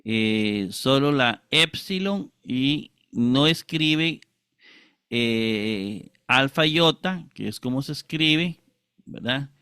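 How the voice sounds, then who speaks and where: Slowly and deliberately, a man teaching Greek Bible exegesis reads from ancient manuscripts, spelling Greek words out syllable by syllable and often clearing his throat and asking for agreement with tag questions. His mid-range voice is expressive, bright, and forceful, recorded at studio quality with no echo.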